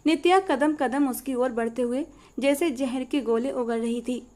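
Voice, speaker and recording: A woman narrating a dramatic romance story in a steady, dramatic storytelling manner. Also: high voice, normal speed.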